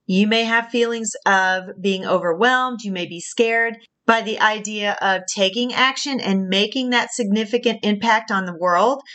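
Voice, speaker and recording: A woman's voice: mid-range voice, fairly bright tone. A middle-aged woman with a Southern US accent hosting a faith-based podcast, earnest and encouraging, laughing at her own slips. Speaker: podcast host and career coach.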